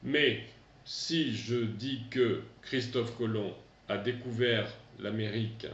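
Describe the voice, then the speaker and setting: A man in his fifties teaching an English lesson to pupils over a remote class, pausing often with fillers and having them repeat after him. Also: lowish voice, a bit bright, distant mic, dull audio. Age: 50s. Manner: hesitant, repeats words for pupils to echo.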